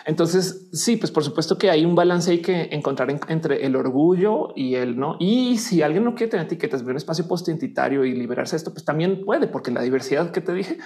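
A woman's voice: deep voice, brisk, hardly any pauses. A woman from Colombia with a Colombian accent, a guest chatting casually and acting out the voices she quotes. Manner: animated, acts out quoted voices, laughs often. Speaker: guest, youtuber and teacher. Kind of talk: casual chat.

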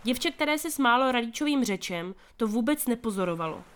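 Female narrator, slightly high voice, reads a children's story aloud and punches the characters' shouts hard. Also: lively intonation, smooth. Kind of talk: audiobook reading of a children's novel.

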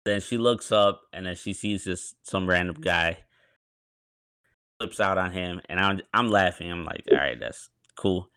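Young man, deep voice, casual storytelling, laid-back, colloquial, dry recording. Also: fairly even intonation, a little slow, pushed and bright, clear, resonant tone, dry recording.

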